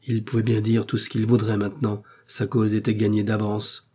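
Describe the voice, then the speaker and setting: Male audiobook narrator for a classic novel, mellow and husky, measured. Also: on the low side, monotone. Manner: measured, literary. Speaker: audiobook reader.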